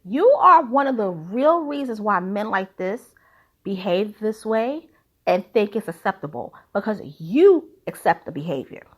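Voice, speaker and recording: Woman talking casually with strong opinions, blunt and emphatic, slangy, mid-pitched voice. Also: big pitch swings, unhurried. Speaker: commentator.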